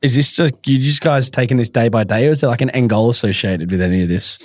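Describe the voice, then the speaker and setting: A man's voice: mid-range voice, dry recording, studio quality. A man hosting a casual podcast chat, joking and laughing along with his guests. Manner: laughs easily, quick banter. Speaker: podcast host.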